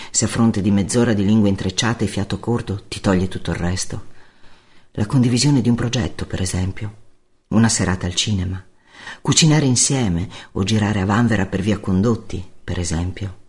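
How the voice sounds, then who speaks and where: Wry man narrating with lively pitch. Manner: wry, laconic storytelling. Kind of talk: first-person audiobook narration.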